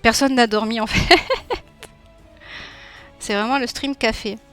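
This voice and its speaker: Drawing live on stream, this young streamer and illustrator with a southern French accent from Nîmes talks casually with her audience, laughing a lot. Her voice sits on the high side, unhurried, with fairly even intonation over soft background music. She comes across as chatty and warm, often reading chat messages out loud.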